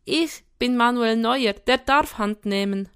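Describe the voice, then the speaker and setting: A woman voicing an excitable, cheeky young boy in an audiobook, with a shrill, squealing voice. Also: slow, clear, resonant tone. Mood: cheeky, excited. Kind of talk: audiobook character voice.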